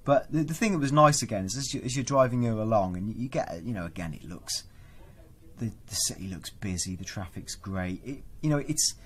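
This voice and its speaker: Male co-host, low voice, eager and descriptive, casual chat. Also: expressive, fairly quick. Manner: enthusiastic, descriptive, many fillers.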